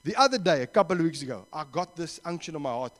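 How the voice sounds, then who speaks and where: Male pastor with a South African accent, lively storyteller, high-pitched, long church-hall reverb. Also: fast. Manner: animated storytelling, mixing in Afrikaans phrases. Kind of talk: sermon.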